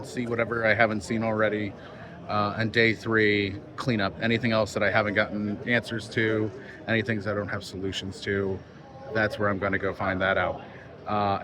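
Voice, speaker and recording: A man vlogging casually into his phone's microphone, explaining things off the cuff and pausing between points. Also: fairly low pitch. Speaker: vlog host, film sound mixer. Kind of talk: casual vlog to camera. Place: busy convention venue. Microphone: phone's built-in microphone. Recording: busy crowd noise, phone microphone. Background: crowd chatter.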